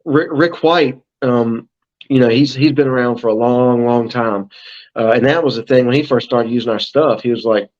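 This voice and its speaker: A man's voice: medium pitch, normal speed, darkish tone, a little hiss or hum. Chatty middle-aged man, slightly dull sound. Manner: talkative, frequent fillers and restarts. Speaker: brand manager guest. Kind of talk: casual podcast chat.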